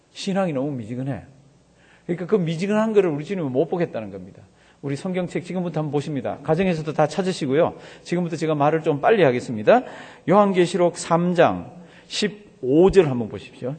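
Male pastor, fairly high, warm voice, mid-sermon, asks his congregation questions, recorded with long church reverb. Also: breathy edge. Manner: explains with questions to the congregation, leads scripture reading.

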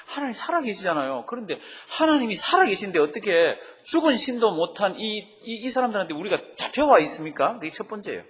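A man's voice: high voice, sing-song, fast, hardly any pauses, fairly bright tone, slightly rough. A man preaching a Bible-teaching sermon, often putting questions to the congregation. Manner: asks the congregation frequent questions. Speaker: pastor. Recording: long hall reverb.

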